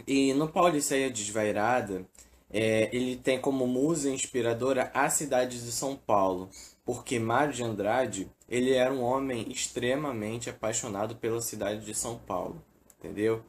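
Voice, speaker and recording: A man's voice: medium pitch, moderate pace, slight background noise. Brazilian man teaching, many fillers. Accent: Brazilian Portuguese. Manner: casual, fills with "né" and "é". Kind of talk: informal recorded lesson.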